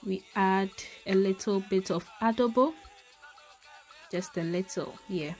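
A Ghanaian cooking vlogger demonstrates a recipe in her home kitchen, chatting away, calling viewers "my people" and exclaiming over the food. Her medium-pitched voice is a little mellow and measured, with soft background music.

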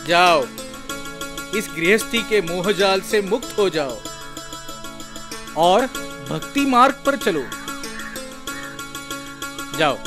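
An actor playing a wise, mocking saint in a devotional film, stern and commanding. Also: male voice, sits high, animated, takes it slowly, long pauses, over music. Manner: stern, commanding and scolding, with a knowing laugh. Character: wise, mocking male saint with divine authority.

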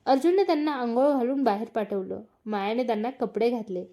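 A woman narrating a romance story in a calm, even reading voice. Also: fairly high pitch, fairly quick.

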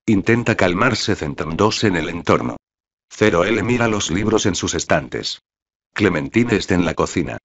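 A man reading a screenplay aloud in a flat, monotone way. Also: low-pitched, normal speed, muffled recording.

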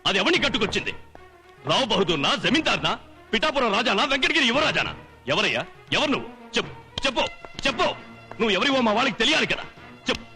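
A man's voice: very high-pitched, sing-song, quick pace, long pauses, bright, forceful tone, soft background music, heavily acted. An actor playing an outraged father who sarcastically scolds his eloped daughter and her new husband in a comedy film scene. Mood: indignant.

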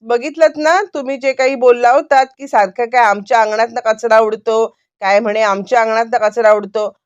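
A woman voicing a scheming, spiteful man who taunts loudly and then plays innocent, in a dry, slightly dull recording. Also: fairly high pitch, steady tone, brisk, smooth, no room sound, close to an everyday voice. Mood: taunting. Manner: loud, mocking, falsely innocent.

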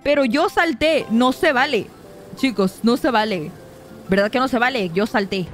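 A young woman giving excited gameplay commentary, often shrieking and squealing at mishaps while talking to her viewers. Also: a little high, normal speed, soft background music. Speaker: gaming youtuber.

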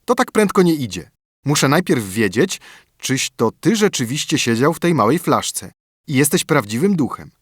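A clever young lad speaks up high and eager, bold and earnest, as a man puts him on. His voice leaps about with lively pitch, and it is recorded close and dry. It is a plucky storybook hero. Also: moderate pace, husky, dry recording. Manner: raised, bright, earnest voice. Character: bold, clever young male student, a son.

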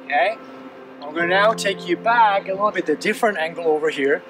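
Recorded from afar on a windy seaside headland, a high-voiced male fitness coach leads stretches with calm encouragement, often repeating himself. He speaks a little fast, and the distant camera picks up music and a noisy background.

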